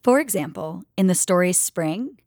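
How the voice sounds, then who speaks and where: A woman reporter giving a clear, measured scripted radio narration. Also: on the low side, expressive, darkish tone, no echo, clean studio sound.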